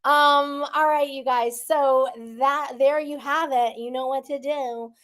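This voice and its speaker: A woman's voice: sits high, steady tone, slow, crowd noise. Chatty woman livestream host, rambling. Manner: rambling, filler-heavy, chatty and playful. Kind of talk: casual livestream chat with viewers.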